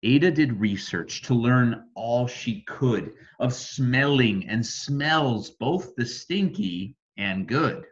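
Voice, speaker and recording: American male storyteller for rhyming kids' books, highly expressive intonation, deliberate and slow, somewhat muffled sound. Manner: dramatic emphasis, deliberate phrasing. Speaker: storybook reader. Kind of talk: expressive children's bedtime story reading in rhyme.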